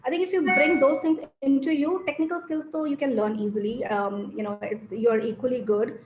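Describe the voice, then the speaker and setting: A woman's voice: high-pitched, fairly even intonation, brisk, roomy sound, noisy background. A woman with an Indian English accent, speaking as a panelist on a virtual panel discussion in a thoughtful way, with many fillers. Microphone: video call.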